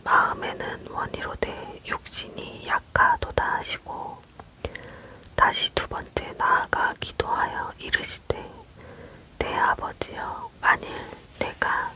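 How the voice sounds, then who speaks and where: A person leaning in to whisper close to the mic, reading scripture as scripted ASMR narration in a fully unvoiced voice. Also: takes it slowly. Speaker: reader of scripture. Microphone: close microphone.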